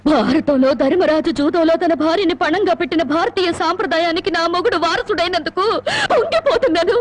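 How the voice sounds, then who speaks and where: A bitter, wronged wife. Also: female voice, extremely high pitch, quick pace. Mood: bitter sarcasm. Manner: cutting, sarcastic reproach. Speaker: film actress. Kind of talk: Telugu film drama acting. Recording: film soundtrack with music behind.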